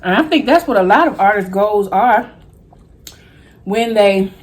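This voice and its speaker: A woman's voice: mid-range voice, animated. A woman chatting casually and colloquially to viewers while eating crunchy fried chicken in a mukbang vlog. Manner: folksy, colloquial, drawn-out exclamations. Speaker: mukbang vlogger.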